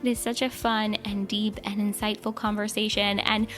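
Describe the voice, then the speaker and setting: A woman's voice: mid-range voice, little pitch movement, moderate pace, fairly bright tone, faint music behind. A woman hosting a podcast, talking in an upbeat, enthusiastic way. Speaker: podcast host. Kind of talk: podcast host intro.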